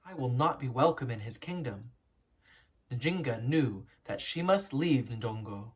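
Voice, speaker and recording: A children's picture book is read aloud by an educator whose mid-range, slightly husky voice carries lively intonation. Her storytelling is instructive and deliberately emphatic.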